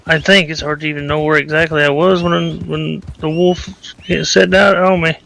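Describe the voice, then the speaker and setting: A man's voice: on the high side, level tone, moderate pace, creaky, pushed and bright, a little hiss or hum, rough recording. A man in an online western role-play, talking hesitantly and repeating himself. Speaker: role-play player as a rider named Thomas.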